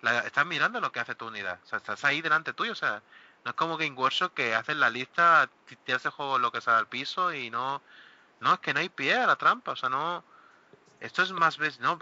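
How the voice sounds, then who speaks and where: A man hosting a casual hobby talk show, animated and exclaiming, often acting out what other players say. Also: medium pitch, brisk. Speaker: host of a miniature wargaming talk show. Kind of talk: casual panel chat. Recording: dull lo-fi recording.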